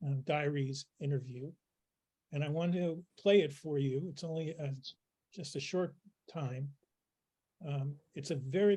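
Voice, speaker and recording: A man who has lost his voice hosts an online event, talking in a halting way with many fillers. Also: on the high side, warm tone. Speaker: event host.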